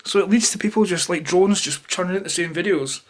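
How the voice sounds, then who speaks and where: A Scottish man talks straight to camera in a notably high voice for a male speaker. He rambles through an unplanned, opinionated rant, sounding irritated and swearing freely as he goes. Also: a little fast. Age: adult, parent of a toddler. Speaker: YouTuber. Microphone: camera held or placed close to him.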